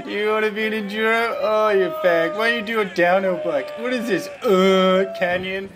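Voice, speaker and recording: Man putting on a loud, high, jeering heckler. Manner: taunting, incredulous. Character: loud mocking heckler jeering at bike riders. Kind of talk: comic improvised voice-over.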